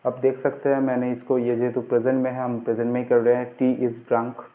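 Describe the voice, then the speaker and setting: The man teaches grammar casually and instructively, posing questions he then answers. He talks fairly quickly in a medium-pitched monotone. His voice comes through muffled and narrow-band, as if over a phone.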